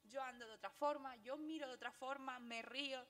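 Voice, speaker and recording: Andalusian woman speaker, young, high-pitched, quick and lively, laughs often while telling stories to a crowd. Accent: Andalusian Spanish. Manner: fast, animated, laughing storyteller. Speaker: guest speaker, graphic novelist. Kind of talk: public talk at a book presentation.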